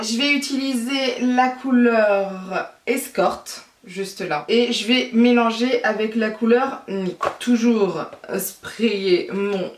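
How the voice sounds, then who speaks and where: Woman, beauty vlogger, chatty makeup tutorial, distant mic, echoey room. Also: mid-range voice. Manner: chatty, thinking aloud with fillers and asides.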